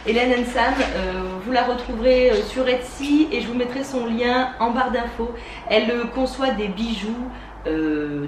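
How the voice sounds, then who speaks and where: A woman casually reviewing beauty box products, chatty and enthusiastic, often pausing with fillers, recorded indoors at home. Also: fairly high pitch, distant mic. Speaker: beauty box unboxing vlogger. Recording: roomy sound from a mic set back, faint hiss.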